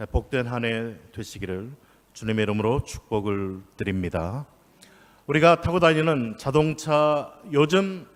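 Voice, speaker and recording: A man preaching a New Year sermon as pastor, leading the congregation in prayer and speaking with emphatic, rising phrases. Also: medium pitch. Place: church sanctuary. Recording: long church-hall reverb.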